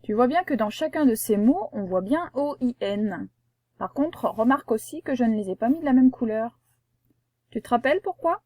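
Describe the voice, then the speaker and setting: A woman teacher giving a reading lesson to young children, patient and slow, spelling out sounds one by one. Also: a little high, lively intonation, mellow, no echo. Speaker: primary school teacher.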